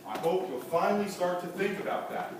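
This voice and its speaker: A man's voice: sits high, lively intonation, fairly quick. A man, playing a fatherly knight mentor in an amateur church play, speaks earnestly to two young princes. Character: Sir Gavin, stern but kindly knight mentor. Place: church stage. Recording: echoey room from far off with noise.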